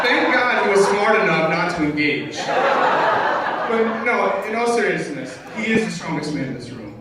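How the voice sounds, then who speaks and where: A man giving an informal, humorous best man speech at a wedding, joking along in a halting way and often correcting himself. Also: a little high. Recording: distant, very echoey, noisy room recording.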